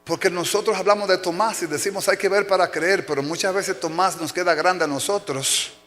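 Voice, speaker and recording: A man preaching a sermon as pastor, telling stories with acted-out cries and shouts. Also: high voice, brisk. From Dominican Republic. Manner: animated storytelling, acting out shouts and cries. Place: church sanctuary. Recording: long hall reverb.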